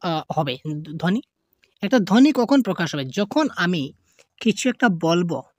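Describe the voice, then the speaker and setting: A woman's voice: fairly low pitch, big pitch swings, darkish tone, no echo, clean studio sound. A woman teaching an online exam-prep lesson, reading multiple-choice questions aloud, drawing out the options and answering them herself. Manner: asks questions and answers them herself, mixes in English terms; drawls options slowly, then gives answers quickly.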